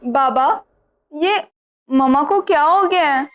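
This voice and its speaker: High-voiced, worried young daughter. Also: female voice, slow, a bit bright, slight background noise. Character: worried, caring young daughter, puzzled and pleading. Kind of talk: Hindi TV crime drama acting. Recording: music behind the voice.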